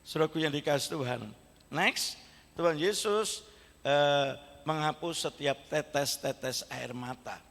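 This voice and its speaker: A man's voice: fairly high pitch, a little slow, gravelly, a bit bright. A male pastor preaching a sermon in a church, telling the story vividly and acting out the quotes. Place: church sanctuary. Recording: echoey church hall.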